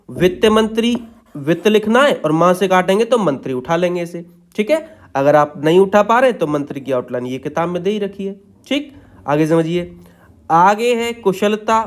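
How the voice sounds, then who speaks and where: Male shorthand tutor, high voice, patient, walks through each word step by step. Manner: patient, repeats "ठीक है" after each point. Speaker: shorthand teacher.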